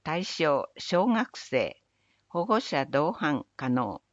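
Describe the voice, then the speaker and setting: Low-voiced woman reading city notices. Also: no room sound, dull audio. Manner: measured, even recital of dates and phone numbers. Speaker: city announcer. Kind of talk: scripted public announcement reading.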